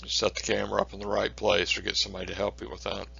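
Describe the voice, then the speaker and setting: Male instructor, lower pitch, bright forceful tone, measured delivery with fillers. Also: completely flat delivery, vocal fry, husky. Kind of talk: recorded lecture. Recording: dull lo-fi recording.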